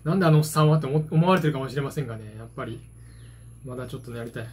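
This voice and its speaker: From a small, dim room at home, a Japanese card game hobbyist in his forties rambles into a phone set at arm's length. His mid-range voice races along, a little mellow with a breathy edge, and he keeps adding hesitant, self-deprecating asides.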